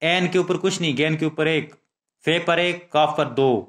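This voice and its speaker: A man's voice: a little high, a bit bright. Man teaching children the alphabet. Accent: Pakistani Urdu. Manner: slow, drawn-out recitation with frequent check questions.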